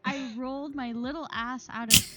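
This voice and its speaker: A woman's voice: high voice, steady tone, moderate pace, muffled recording, loud music behind the voice. A woman co-hosting a podcast, reading a romance novel aloud and breaking off for wry comments and laughter. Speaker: podcast co-host.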